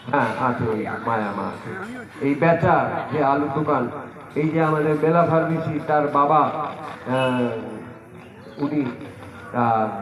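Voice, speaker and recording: A man's voice: high-pitched, lo-fi sound. A man leading an outdoor yoga and meditation camp, guiding a group step by step and mixing in a personal story. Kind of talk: spoken instruction to a group. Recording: echoey, crowd murmur behind.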